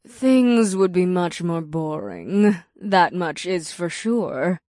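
A man voicing an affectionate, gently teasing succubus woman in a spoken story, lifting his voice high and soft. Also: expressive, takes it slowly, no room sound, clean studio sound.

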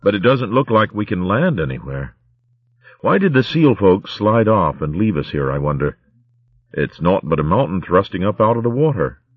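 A man's voice: deep voice, very animated, normal speed, slightly rough, dry recording, recorded from a distance, highs cut off, voice pushed up, heavily acted. A man voicing a young male mouse warrior who talks plainly and thoughtfully. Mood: puzzled.

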